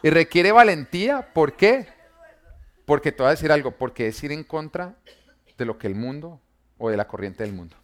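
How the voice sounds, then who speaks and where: A man, preaching an emphatic sermon that swings between loud and quiet, full of rhetorical questions and humor for the congregation. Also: mid-range voice, expressive, brisk. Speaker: pastor.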